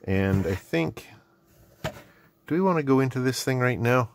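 Seated at an indoor hobby electronics workbench, a middle-aged Canadian man hosts an electronics hobby video series, narrating unscripted in a rambling, self-deprecating style. His medium-pitched voice has lively intonation and a measured pace. Clicks and clear background noise run through the recording.

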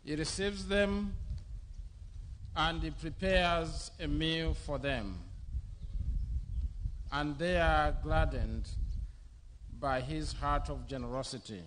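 A middle-aged bishop preaches into a podium microphone under an open-air canopy. His voice sits a little high for a man, and he delivers the sermon very slowly, one short phrase at a time. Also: fairly bright tone, slight background noise. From Zambia. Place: outdoor covered church venue.

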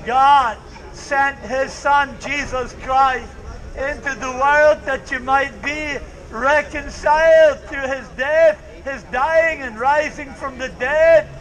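A faint crowd and slight background noise surround an older street preacher, whose very high voice is steady, slow and a bit bright. In the open air of a market square, he preaches fervently and repetitively into a handheld mic and speaker, filmed from a distance.

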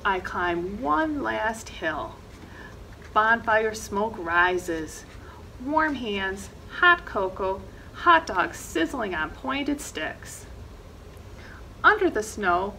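A middle-aged woman, working as a librarian, reads a picture book aloud for storytime while seated in an indoor library reading corner. Her voice is medium-pitched with a sharp tone, and she stresses action words dramatically and reads expressively. The rough recording has slight background noise.

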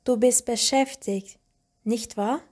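A woman reads short example sentences for a language lesson, one after another. She goes very slowly, pausing after each phrase so learners can repeat it. Her voice sits a little on the high side. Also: fairly even intonation, darkish tone. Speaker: language teacher. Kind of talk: slow reading of example sentences.

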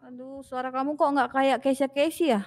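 High-voiced teasing woman roleplayer. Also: fairly even intonation, brisk, a little mellow, no echo. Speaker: game roleplayer. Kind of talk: casual roleplay banter.

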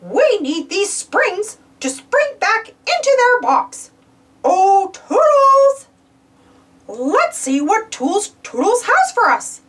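A woman's voice: very high-pitched, very animated, slow pace, fairly bright tone, recorded from a distance, pitched above the performer's own voice, full character voice. A woman voicing a small, eager, cheerful male cartoon mouse for a children's storybook, upbeat and exclamatory. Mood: excited.

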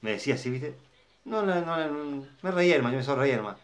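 A man's voice: mid-range voice, lively intonation, fast talker. A man telling viewers a personal story. He rambles, repeats himself and keeps asking whether they follow. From Argentina. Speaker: channel host.

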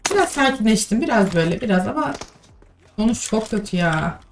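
A woman streaming a shooter game rattles through her complaints at a quick clip. She sounds agitated and close to tears, and faint noise runs under her voice. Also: mid-range voice, expressive. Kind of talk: upset live-stream chat while gaming.

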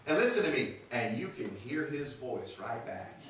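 A man's voice: mid-range voice, very animated, normal speed, fairly bright tone, slight background noise. A man preaching a sermon as pastor, reading scripture aloud and calling out to his congregation in a church. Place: church sanctuary. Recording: echoey church room, voice from a distance.

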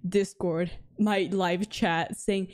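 A woman streaming a game live, chatting casually with her viewers in a bubbly, talkative way, her voice a little raspy and hoarse from getting sick. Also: medium pitch, fairly even intonation, takes it slowly, darkish tone. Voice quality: slightly raspy. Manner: bubbly and chatty, with frequent laughs and gasps. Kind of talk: casual live-stream chat, reading chat aloud.

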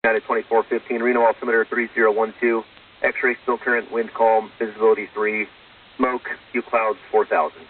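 A male air traffic controller gives clipped procedural instructions over aviation radio in a lowish, level voice at a brisk pace. The radio audio sounds muffled, distant, and phone-like.

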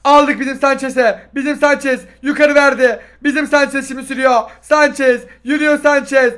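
A high-voiced young man with a bright, sharp tone calls out a football video game match with excitement. He teases his opponent, laughs, and shouts out passes and shots as they happen. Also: moderate pace. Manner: teasing, shouting play-by-play, laughing. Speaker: gaming YouTuber. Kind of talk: excited gameplay commentary.

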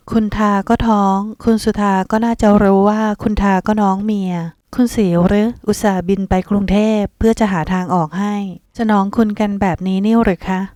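A woman reading an audiobook, voicing a bold, sharp-tongued servant woman who scolds and mocks with sarcasm. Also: medium pitch, no echo, lightly acted.

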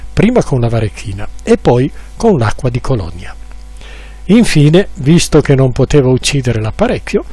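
A man's voice: fairly high pitch, mellow, no room sound. A man narrating a humorous literary story with dry irony, now and then acting out the quoted lines.

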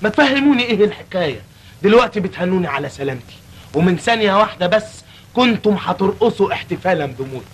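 Comic shop clerk, Egyptian accent, high voice, rapid patter. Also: male voice, sing-song, a bit bright, a little hiss or hum, poor audio. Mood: preachy. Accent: Egyptian Arabic. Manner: quick comic patter, then preachy. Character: put-upon young shop clerk, talking himself out of dying.

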